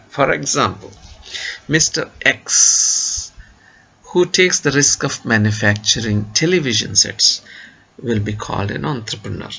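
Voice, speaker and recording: A man with an Indian English accent giving a classroom lecture to engineering students, slow and repetitive, leaning on "you see" and "okay". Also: medium pitch, vocal fry, sharp tone, husky, rough recording.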